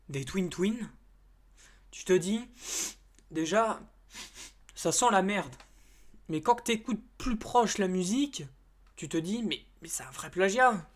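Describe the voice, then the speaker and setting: A YouTuber with a high male voice chats casually to the camera, rambling and hesitating with lots of fillers and restarts. His speech is informal and a little crude.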